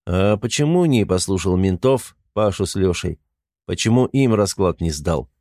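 A man voicing a graying crime boss in his fifties, speaking in a velvety, trained announcer-like voice, unhurried and quietly menacing. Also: sits low, expressive, no room sound, studio quality. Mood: calm, knowing. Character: graying fifty-something male crime boss, calm and commanding. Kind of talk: audiobook character voice.

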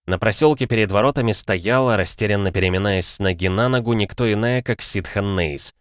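A man narrating a fantasy audiobook in a measured, even storytelling manner. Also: lowish voice, no room sound, clean studio sound.

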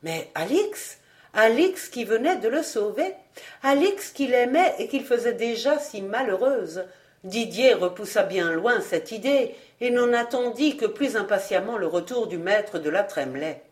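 Woman narrating a classic novel evenly. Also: a little high. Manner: measured, even storytelling. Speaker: audiobook reader.

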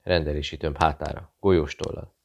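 A man's voice: a bass voice, steady tone, creaky. A man voicing a nervous Serbian barkeeper. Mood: fearful. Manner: clipped broken phrasing, hushed and fearful. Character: Serbian male barkeeper, nervous, secretive, broken speech.

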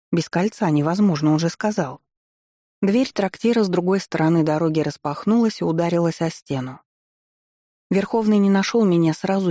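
A narrator reading a first-person fantasy story aloud in a wry, expressive manner with ironic asides. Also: medium pitch, no echo, studio quality. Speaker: audiobook narrator.

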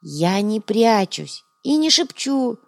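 A woman voicing a timid male astronomer who mumbles and squeaks back at his domineering mother, in an audiobook. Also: very animated, slow, gravelly, full character voice. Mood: meek. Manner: meek, mumbling, squeaky when indignant. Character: timid male astronomer, meek grown son.

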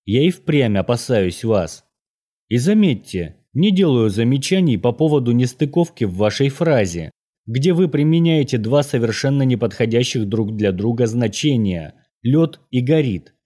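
A man voicing an old Norwegian mage, courteous and menacing, who speaks in a measured, formal, lecturing way. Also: medium pitch, lively intonation, dark tone, natural voice.

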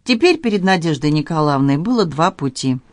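An audiobook reader telling a detective story at a steady, measured pace. The voice sits at a middle pitch and is recorded close in a dry booth. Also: no echo. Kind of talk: scripted audiobook narration.

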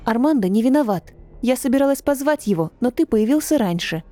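A woman's voice: fairly high pitch, expressive, brisk, dark tone, soft background music, pitched above the performer's own voice, natural voice. Flustered young heroine, as a woman voices her. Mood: pleading. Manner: pleading, flustered.

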